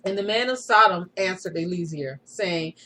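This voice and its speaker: A woman reading scripture aloud in a Bible study, steady in pace, with short asides and affirming murmurs. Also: fairly low pitch, normal speed, a little hiss or hum.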